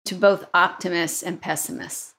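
A woman with a fairly low, fairly bright voice co-hosts a leadership podcast, speaking at a moderate pace with fairly even intonation. She's upbeat and conversational, asks questions, and often tags her remarks with "right?".

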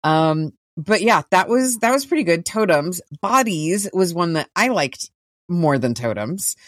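A woman co-hosting a podcast, chatting casually about TV shows in a relaxed way, now and then swearing. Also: fairly low pitch, measured pace, no room sound, studio quality. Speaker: podcast co-host.

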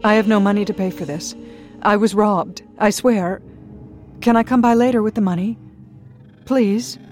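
A storyteller voicing the nervous, craving first-person character in a loud, high-strung, pleading voice. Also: fairly even intonation, normal speed, faint music behind, close to an everyday voice. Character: desperate craving flower-eater, nervous.

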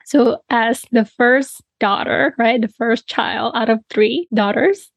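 A young adult woman from Bali telling her story as a podcast guest, animated, often adding "you know" and "right". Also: on the high side, takes it slowly, creaky, no room sound, highs cut off. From Bali, Indonesia. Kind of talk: casual interview storytelling.

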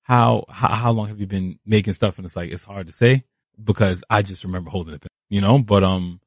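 A man in his thirties from New City, a guest artist telling his story, animated and acting out quoted voices. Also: fairly low pitch, a little fast, husky, dry recording. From New York City. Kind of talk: casual interview storytelling. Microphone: podcast studio mic.

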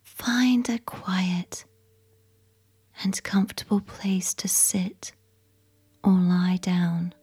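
Slow whispering woman, sleep story. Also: on the low side, husky. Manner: soft unvoiced whisper, slow and soothing.

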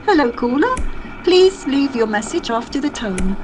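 A woman's voice: high voice, sing-song, normal speed, noisy background. A woman reading a polite, formal answering-machine greeting that plays over a phone line. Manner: polite, formal announcer delivery.

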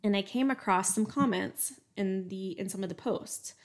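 A woman's voice: mid-range voice, normal speed. A young woman chatting casually as a podcast co-host, filling her talk with "like" and "um". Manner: chatty, lots of "like" and "um" fillers. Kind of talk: casual true crime chat.

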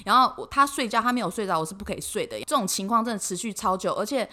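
A young Taiwanese woman co-hosts a casual podcast with a Taiwanese Mandarin accent. She rattles through her own story at a very fast clip in a bright, forward voice. She acts out what other people said as she tells it. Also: medium pitch, lively intonation. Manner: candid storytelling, acts out quoted lines. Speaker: podcast co-host. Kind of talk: casual chat.

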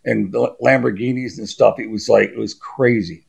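A middle-aged man co-hosting a casual chat, telling drawn-out anecdotes in a conversational way. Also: medium pitch, fairly even intonation, vocal fry, husky, poor audio. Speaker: podcast co-host.

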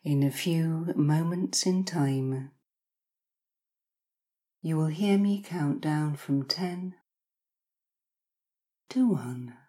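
Female hypnotherapist for guided relaxation: mellow, breathy, extremely slow and soothing countdown delivery, repetitive, near-whispered at times. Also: sits low.

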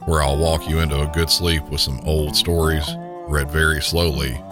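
A man with a deep Southern US accent, hosting a podcast in scripted true crime narration. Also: flat delivery, moderate pace. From southern United States. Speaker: podcast host. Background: guitar music.

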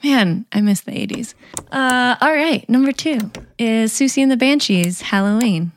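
A woman's voice: a little high, animated, normal speed. A woman co-hosting a music podcast, chatting enthusiastically about songs. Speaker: podcast co-host. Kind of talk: casual chat.

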